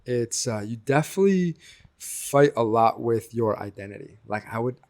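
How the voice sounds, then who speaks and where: Speaking at a moderate pace in a mid-range voice, this young man from the United States is a guest in a laid-back interview. He's reflective overall but gets animated when quoting other people.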